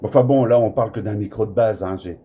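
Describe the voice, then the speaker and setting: A French radio operator from Brittany makes casual on-air contact, rambling in a blunt, colloquial style with a lowish voice at a fast clip. A smartphone in the room captured it, so the audio is dull but clear, with faint background noise.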